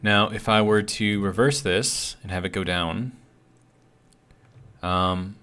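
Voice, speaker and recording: A healing bitten tongue leaves this gaming series host sounding slightly awkward as he hesitantly thinks aloud through casual gameplay commentary. His pitch is fairly low, his tone steady, and he speaks slowly with a pushed, bright quality.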